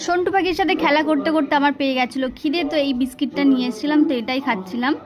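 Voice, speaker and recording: Chatty hoarse woman vlogging. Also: high voice, very fast. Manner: chatty, breezy running commentary. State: hoarse from a cold. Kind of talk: casual daily vlog narration. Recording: noisy home and street ambience.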